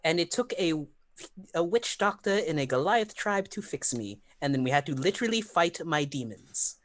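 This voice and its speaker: Lively low-pitched woman role-playing. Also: moderate pace, slight background noise. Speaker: tabletop game player. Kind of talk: casual in-character role-play.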